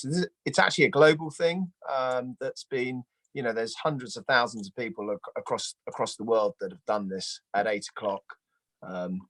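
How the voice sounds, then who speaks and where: A man's voice: mid-range voice, a bit bright, no room sound. A man on an online panel, politely adding context.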